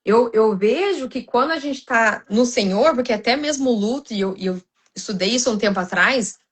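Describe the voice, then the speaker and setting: Mulher brasileira falando com convicção. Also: female voice, fairly high pitch, brisk, husky. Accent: Brazilian Portuguese. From Brazil. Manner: earnest, many restarts and fillers, addresses listeners as "gente". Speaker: podcast guest.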